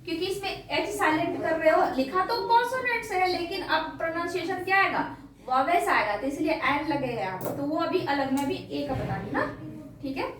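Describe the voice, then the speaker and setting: A woman's voice: very high-pitched, lively intonation, a little fast, fairly bright tone. A woman teaching a classroom grammar lesson, explaining step by step and asking her students questions. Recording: echoey room, voice from far off, faint noise.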